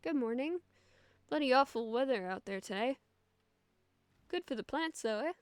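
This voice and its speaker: A woman's voice: high voice, expressive, moderate pace, clear, resonant tone, no room sound. A woman voicing a cheery, chatty man with a put-on British accent who drops off a letter. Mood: chummy.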